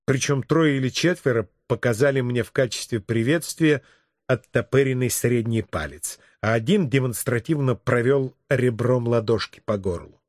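A man's voice: mid-range voice, moderate pace, no echo. A man narrating a first-person story as an audiobook, in a dry, wry storytelling manner.

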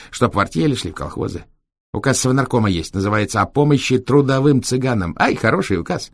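A cheeky young Roma taxi driver, chattering in sly street slang, as a man reading a storybook plays him. His voice jumps up high and lively above the reader's own. The recording is dry and close. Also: no room sound, natural voice.

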